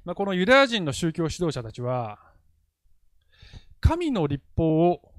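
Animated chatty male pastor. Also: fairly high pitch, unhurried, no room sound. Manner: chatty and animated, laughs often. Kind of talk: casual sermon.

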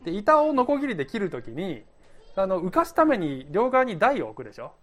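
A pastor delivers a relaxed, conversational sermon, his voice high-pitched and fairly quick. He shares stories from his own life and often laughs at himself.

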